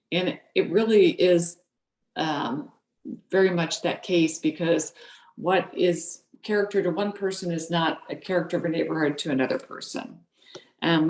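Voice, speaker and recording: A woman on a video call giving a measured, prepared public comment, pausing often with ums. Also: fairly low pitch, a little mellow, reverberant. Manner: measured, lots of ums between points. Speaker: public commenter, board director of a rental association.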